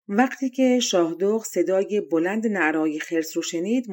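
A woman narrating a fairy-tale audiobook in an expressive, lively reading style. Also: medium pitch.

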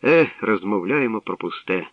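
A man voicing an eager, hot-headed young man who shouts with excitement, in a tinny, distant radio recording. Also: lowish voice, moderate pace, no echo. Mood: excited.

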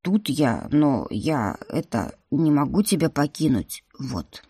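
Woman narrator as a nervous male guardian spirit: low, mumbling, husky audiobook voice. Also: normal speed, dark tone, dry recording, studio quality, exaggerated voice.

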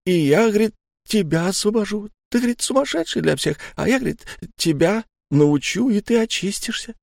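A man's voice: medium pitch, darkish tone, dry recording, studio quality, natural voice. A man voicing an anxious male psychiatric patient who mumbles and swallows syllables, in a storybook reading.

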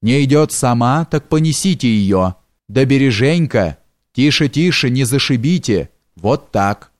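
A man's voice: mid-range voice, expressive, measured pace, no room sound, clean studio sound, natural voice. A man reading an audiobook, voicing a sly, leering old man who coaxes with sweet words in a wheedling manner. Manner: wheedling, coaxing with endearments.

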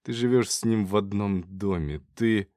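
A man's voice: on the low side, animated, normal speed, dry recording, clean studio sound, natural voice. A man reading a jealous, distraught young lover. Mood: accusing. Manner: agitated, reproachful, breaking into hysterical laughter. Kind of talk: audiobook character reading.

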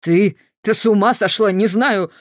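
A reader voicing a brutal male camp guard who shouts orders and mocks the prisoners, in an audiobook. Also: mid-range voice, normal speed, no echo, studio quality, voice pushed up, natural voice. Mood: menacing. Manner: loud, barking orders, mocking.

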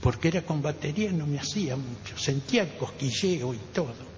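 A man's voice: fairly high pitch, lively intonation. Older man with a Rioplatense accent. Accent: Rioplatense Spanish. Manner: halting, repeats words, acts out others' voices. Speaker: witness guest. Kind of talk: personal testimony on radio. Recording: dull roomy radio recording with faint hiss.

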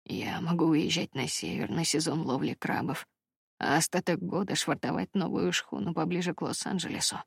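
A woman reading the part of a remorseful young fisherman in love, speaking low in a husky half-whisper. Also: moderate pace, dry recording, studio quality, heavily acted. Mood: devoted. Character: remorseful crab-fisherman lover, young man.

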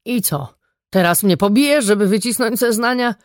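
A man's voice: high voice, normal speed, dry recording, clean studio sound, pitched above the performer's own voice, close to an everyday voice. A reader voicing a stubborn, desperate old man who mutters sullenly in an audiobook. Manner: sullen, grumbling.

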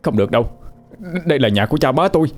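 A man's voice: medium pitch, expressive, racing, darkish tone, soft background music, close to an everyday voice. A man playing a poor, desperate young husband pleading for his family. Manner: pleading, strained.

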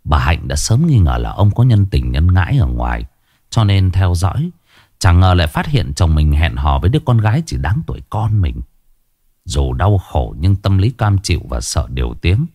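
Deep-voiced man narrating a dramatic tale. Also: normal speed, no echo, clean studio sound. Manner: dramatic, expressive storytelling. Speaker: storyteller. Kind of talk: scripted story narration. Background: faint music.

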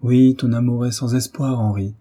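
A man's voice: mid-range voice, fairly even intonation, normal speed, warm tone, breathy edge, natural voice. A man voicing a doctor who speaks in a grave, sad tone. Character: grave, sorrowful older male doctor.

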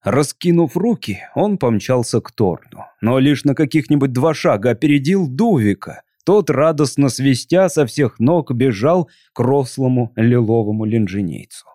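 A man narrating a storybook in an even, measured way. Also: mid-range voice, no room sound, clean studio sound. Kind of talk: audiobook reading.

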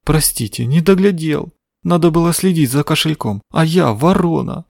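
A man's voice: fairly high pitch, animated, moderate pace, creaky, no echo, pitched above the performer's own voice. A man doing a whimpering boy thief. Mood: tearful. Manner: whimpering, pleading. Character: young boy thief feigning tearful distress. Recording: dry studio sound.

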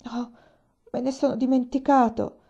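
A jittery, good-humoured young man, read by a woman narrator in a storybook, rushing his words and fretting. The voice is mellow and warm, on a dull, lo-fi recording. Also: mid-range voice, natural voice. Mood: matter-of-fact. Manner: hurried, fretful. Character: nervous jovial young man, easily flustered.

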